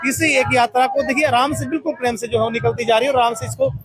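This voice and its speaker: A man's voice: extremely high pitch, little pitch movement, quick pace, crowd noise. A man reporting live from a religious procession outdoors, rambling commentary with many fillers and chatty questions to passersby. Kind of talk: live on-the-street commentary and interviews. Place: outdoors at a crowded rainy procession.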